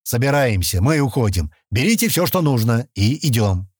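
A man reading an audiobook, voicing a confident, smug man who briskly explains and gives orders, in a slightly raised husky voice. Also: medium pitch, big pitch swings, darkish tone, no room sound, studio quality. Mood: commanding.

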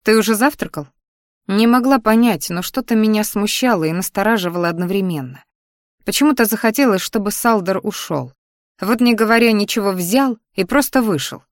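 Lady reading a story in first person, mid-pitched voice, dry close sound. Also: fairly quick, no room sound. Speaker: audiobook narrator. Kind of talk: first-person audiobook narration.

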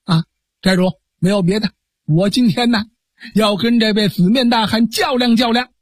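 A man's voice: high voice, moderate pace, dry recording, studio quality. A male storyteller voicing a boastful, contrary bandit chief who taunts and brags. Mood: brash taunting. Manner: brash, taunting.

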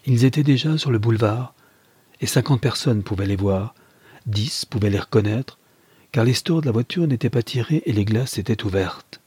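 A man narrating a classic novel in a measured, even storytelling manner. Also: mid-range voice, husky, dry recording. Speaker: audiobook reader.

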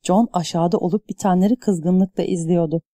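A woman reading an audiobook in scripted narration, with a measured, even delivery. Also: fairly low pitch, no room sound.

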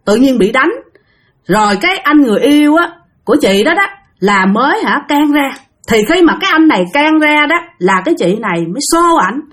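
A woman's voice: high-pitched, very animated, brisk. Chatty Southern Vietnamese woman storyteller. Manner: chatty, addresses listeners directly. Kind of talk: spooky-story narration to listeners.

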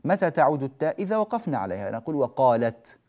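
A man teaching the rules of Quran recitation in a mellow, warm voice. He explains each rule patiently and draws out short verse examples in a slow chant. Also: mid-range voice, animated. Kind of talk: tajweed lesson.

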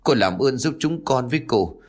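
A man voices a frightened village mother who tearfully pleads for help with her son. He speaks at a normal speed with lively intonation in a mid-range voice, pitched above his own voice but close to an everyday one.

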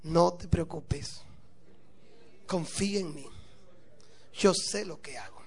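Guy doing a chill confident young husband, low soft voice, slow and soothing. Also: creaky, husky, heavily acted. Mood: calm reassuring.

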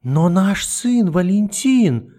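A man voicing a shrill, hysterical noble duchess in an audiobook, who wails and pleads. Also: normal speed, darkish tone, natural voice. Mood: pleading. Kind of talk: audiobook character voice.

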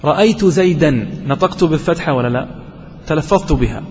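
A man's voice: on the high side, animated, fairly quick, darkish tone, muffled recording. Man teaching grammar in an echoing hall. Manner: asks the class questions and answers them himself, repeats key phrases. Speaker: sheikh teaching Arabic grammar. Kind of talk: classroom lesson explaining a grammar poem.

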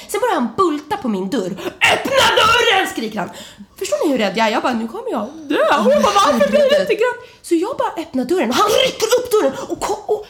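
Animated young woman telling a story. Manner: animated, acts out quotes with sudden high shouts. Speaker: podcast co-host. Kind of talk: casual chat, storytelling.

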